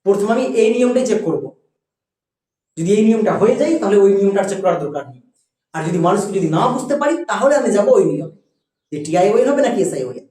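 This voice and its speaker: A teacher giving a spelling and pronunciation lesson, patient and repeating words slowly for students. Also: medium pitch, very animated, warm tone, very echoey, recorded from a distance, poor audio.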